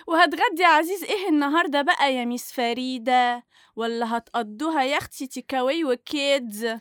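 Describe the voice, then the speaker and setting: A woman's voice: high-pitched, brisk, a bit bright, no echo, clean studio sound. A woman playing a cheeky young Egyptian woman, brash, slangy and mocking, in a radio comedy serial.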